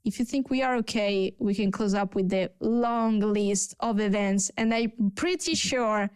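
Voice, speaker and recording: A woman's voice: mid-range voice, a little slow, clear, resonant tone, dry recording. A woman with an Italian accent co-hosting a casual podcast chat over a video call, chatty and searching for her words. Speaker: podcast co-host.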